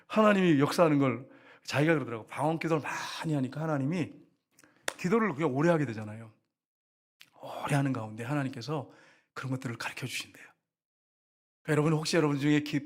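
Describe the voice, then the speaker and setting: A middle-aged man preaching, a pastor telling a story animatedly in a sermon with quoted dialogue. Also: fairly high pitch.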